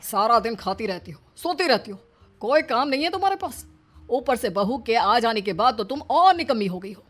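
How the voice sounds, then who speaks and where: A woman's voice: a little high, lively intonation, moderate pace, pitched above the performer's own voice. A woman voicing a harsh older father-in-law, scolding and threatening, in a cartoon story. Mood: contemptuous scolding.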